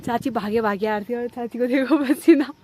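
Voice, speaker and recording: Walking the hill paths and village roads of Kumaon, Uttarakhand, a woman with a slightly high, mellow voice chats a little fast with her viewers. This village vlogger's casual narration treats her audience like friends.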